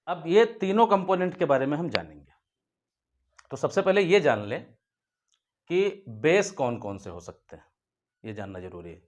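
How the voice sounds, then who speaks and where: Man teaching biology, trailing off softly. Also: on the high side, very animated, moderate pace, long pauses. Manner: repeats key points as questions and answers them; addresses students fondly as "beta". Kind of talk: whiteboard lecture for school students.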